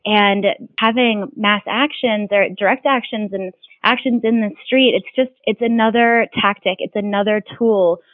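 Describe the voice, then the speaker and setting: A woman's voice: medium pitch, fairly even intonation, moderate pace, dry recording. A woman climate activist giving casual, earnest interview answers, rambling a little with restarts. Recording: tinny phone-like line.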